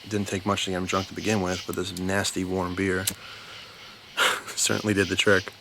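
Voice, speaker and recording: An American man from New Jersey telling a story casually, in an informal, unhurried way, repeating words for emphasis. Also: low voice, monotone, heavy background noise. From New Jersey, United States. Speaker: storyteller, video host. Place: outdoors at night near bushes.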